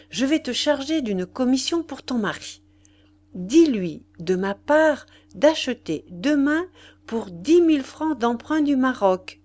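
A woman's voice: fairly high pitch, darkish tone, voice pushed up. A woman reading aloud, voicing a scheming young man who confides a secret and later pleads with his mistress. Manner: confiding, then flustered and pleading.

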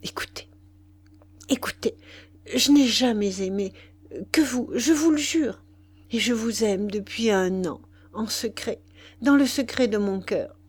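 A married woman torn by guilt confesses her love in a breathless, hushed voice, as a woman reads her aloud. The words come slowly, held back and trembling, in an audiobook. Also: a little high, voice pushed up. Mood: anguished. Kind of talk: audiobook character voice.

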